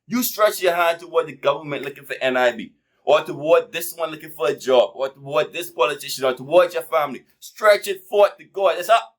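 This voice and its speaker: A man's voice: fairly high pitch, brisk, a bit bright. A man preaching a fiery sermon full of rhetorical questions and plain, casual speech.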